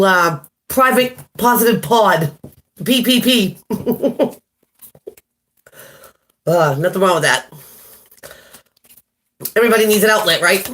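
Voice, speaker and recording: A woman's voice: mid-range voice, a bit bright. Chatty, self-amused woman reading tarot. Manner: chatty, laughs at herself often; greets viewers by name. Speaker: tarot reader. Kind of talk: casual live-stream tarot reading.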